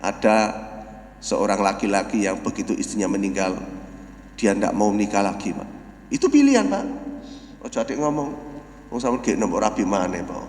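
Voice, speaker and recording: A man preaching a dawn sermon in a mosque, often calling his listeners "Pak", rising to loud emphatic peaks, then dropping to soft prayer, and chanting Arabic lines slowly. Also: on the low side. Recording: echoey mosque hall with long reverb.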